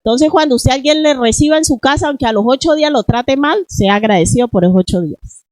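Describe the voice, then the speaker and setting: Woman pastor, middle-aged, high voice, dry close sound, sermon full of rhetorical questions. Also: fast, a little mellow, no echo, low-quality recording. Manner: preaching with many rhetorical questions to the congregation. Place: church in Spain.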